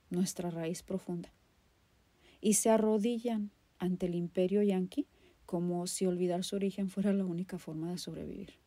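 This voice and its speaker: A podcast host from Guadalajara, Mexico, speaks with a Mexican accent in a low-ish, dark, husky voice. She delivers a personal, poetic monologue, impassioned and emphatic, leaning on dramatic repetition. There is no echo on the recording.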